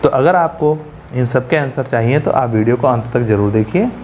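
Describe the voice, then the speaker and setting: A man's voice: medium pitch, normal speed, darkish tone, slight background noise. A man teaching poetry as a class lecture, repeating key terms and putting questions to the students. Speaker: English teacher.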